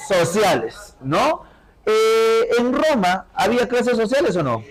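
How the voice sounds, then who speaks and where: A male teacher with a Peruvian accent leading an interactive lesson, firing quick questions at his students and pushing them to answer. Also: high voice, big pitch swings, over music, low-quality recording. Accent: Peruvian Spanish.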